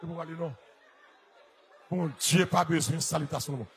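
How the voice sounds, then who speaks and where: Haitian man, pastor, shouting sermon, high voice, gravelly edge, sing-song chanted refrains, loud church music and crowd behind. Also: fairly even intonation, moderate pace, a little hiss or hum. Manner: chanting, half-singing refrains; repetitive call-and-response lines. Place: church service. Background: live music and congregation.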